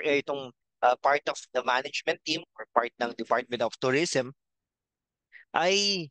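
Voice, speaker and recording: A middle-aged man with a Filipino accent hosting a casual political commentary vlog, talking slowly and haltingly with many fillers and a constant tag "no?". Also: a little high, fairly bright tone, no room sound, rough recording. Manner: rambling, frequent tag question "no?"; slow, halting with fillers and throat clearing. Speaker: channel host.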